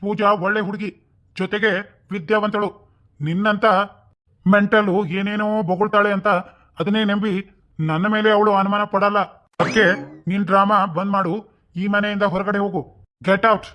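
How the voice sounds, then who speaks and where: A man's voice: high voice, level tone, moderate pace, pauses often, fairly bright tone. A man voicing a brusque young husband in a cartoon drama, curt and dismissive. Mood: stern. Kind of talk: cartoon dubbing.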